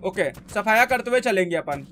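A young man from India talks through a survival game in loose, excitable commentary, and his voice sits unusually high. He keeps talking to himself and his in-game creature, firing off quick exclamations, while a faint hiss of noise runs underneath. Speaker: gaming YouTuber. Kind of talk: casual gameplay commentary.

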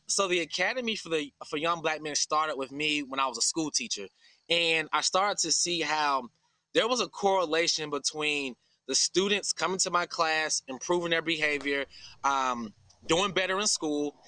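Under an open shelter on his farm, the American founder, a man in his 30s, explains earnestly and informally as a guest in a live video-call interview. A dry recording captures his fairly high, bright, forceful voice.

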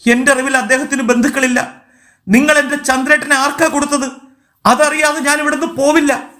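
A man voicing a distraught young wife and mother who pleads in a high, strained voice as she begs for answers. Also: flat delivery, normal speed, lightly acted. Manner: pleading and shrill with panic.

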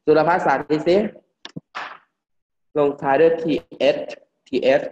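A male English teacher from Thailand giving a classroom pronunciation lesson, drilling words slowly and repeating each one for the class. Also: on the high side, fairly even intonation, a little mellow, a little hiss or hum. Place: classroom with students. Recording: dull lo-fi classroom recording.

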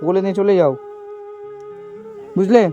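A man who talks to a young woman in a gentle, reassuring way and keeps asking "okay?". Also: high voice, moderate pace. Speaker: charity video host. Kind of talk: staged outdoor conversation. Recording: dull lo-fi sound with music behind. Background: background music.

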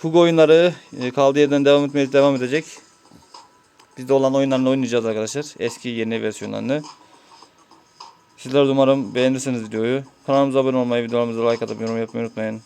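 Man calmly walking viewers through a game. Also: medium pitch, fast talker, clean tone. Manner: explains each step patiently to viewers. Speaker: gaming YouTuber. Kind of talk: let's-play commentary.

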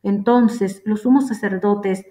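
A woman giving a solemn liturgical scripture reading in a steady, measured voice. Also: mid-range voice. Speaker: scripture reader. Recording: roomy echo.

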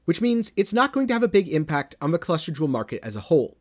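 Guy doing scripted game news, bit high voice, swings up and down a lot, drops low and dramatic at the end of lines. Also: sing-song. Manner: measured, dramatic drops in pitch at phrase ends. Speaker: gaming video host.

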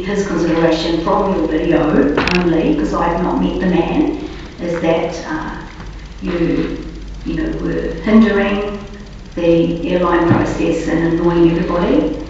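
A woman police officer giving formal, deliberate and halting testimony as a witness under cross-examination. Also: fairly low pitch, steady tone, a little mellow. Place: large reverberant courtroom, far from microphone. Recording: very echoey distant courtroom recording, muffled, faint noise.

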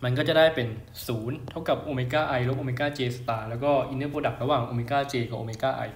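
A man's voice: medium pitch, fairly even intonation, moderate pace, a little hiss or hum. A young man tutoring physics in a casual, chatty way, often checking in with his listeners. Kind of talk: casual lecture over a whiteboard. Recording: roomy echo.

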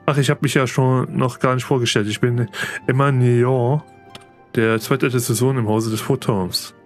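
A man's voice: mid-range voice, steady tone, moderate pace, faint music behind, close to an everyday voice. A man reading the lines of an eager, boastful young noble son in a game, plainly read aloud. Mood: chatty.

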